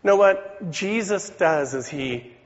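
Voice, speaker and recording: A man with a voice weakened by a cold, preaching a sermon in an earnest, deliberate way with rhetorical questions. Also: sits high, expressive. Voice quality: weak voice from a cold. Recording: dull recording in reverberant hall.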